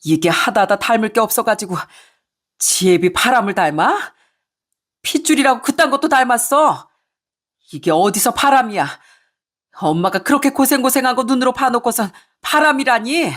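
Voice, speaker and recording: A woman voicing a hot-tempered older mother-in-law who scolds and nags in a raised, high voice. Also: animated, normal speed, a bit bright. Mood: enraged.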